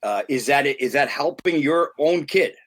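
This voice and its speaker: Talking a little slowly with lively intonation, the man has a fairly high, slightly bright voice. He's a middle-aged American youth sports consultant being interviewed on a podcast, earnest and emphatic, with frequent restarts.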